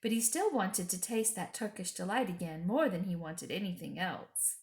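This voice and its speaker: A woman's voice: on the low side, expressive, moderate pace, darkish tone. A woman storyteller expressively reading a children's storybook aloud. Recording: echoey room.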